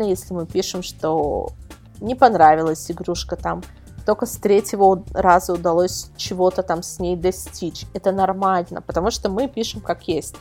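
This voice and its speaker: A woman with a somewhat low, slightly mellow voice appears as an interview guest; she edits a website and reviews products. Her explanations are casual and rambling, and she repeats herself for emphasis.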